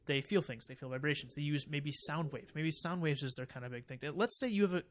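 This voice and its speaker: A man's voice: on the high side, brisk, a bit bright, a little hiss or hum. A man co-hosting a casual podcast, speculating at length and explaining his ideas with fillers. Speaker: podcast co-host. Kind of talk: casual chat.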